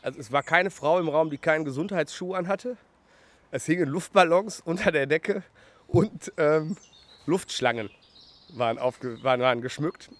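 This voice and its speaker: A man's voice: fairly high pitch, normal speed. A man, a guest telling long, rambling anecdotes in casual chat, full of fillers and tag questions. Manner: rambling storyteller with many fillers and "ne?". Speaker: guest, food truck and restaurant owner.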